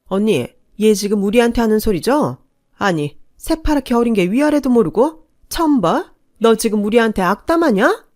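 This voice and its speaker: A woman voicing a sharp-tongued, spiteful middle-aged aunt who snaps indignantly. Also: on the high side, big pitch swings, normal speed, voice pushed up.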